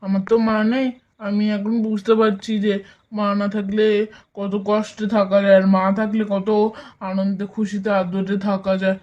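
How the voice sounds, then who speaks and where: A woman voicing a gentle, motherless young boy who speaks earnestly and soothingly in a doll cartoon. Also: medium pitch, level tone, normal speed, muffled recording, lightly acted. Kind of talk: doll story voice acting.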